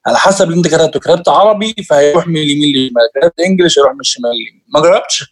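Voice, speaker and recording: Egyptian man, teacher, rapid delivery, fairly high voice, patient step-by-step explaining. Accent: Egyptian Arabic. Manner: explains step by step, addresses students directly. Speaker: computer skills teacher. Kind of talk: screen-share tutorial lesson.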